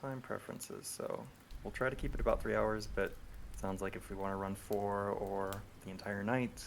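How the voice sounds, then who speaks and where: A man running a tabletop horror game over group voice chat, talking in a relaxed, rambling way with many ums. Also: lowish voice, moderate pace, gravelly, a little hiss or hum. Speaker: game master.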